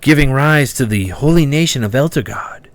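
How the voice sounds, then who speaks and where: Man plays tiefling wizardess, middle-aged, formal, composed, wary; lifted pitch, tabletop fantasy role-play. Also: expressive, dry recording, close to an everyday voice. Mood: grave, suspicious. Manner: formal, measured, articulate.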